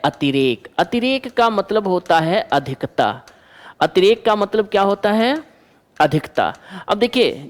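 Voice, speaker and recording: A man's voice: high-pitched, long reverb tail. A male teacher giving an exam-prep lecture, who asks the class questions and answers them himself.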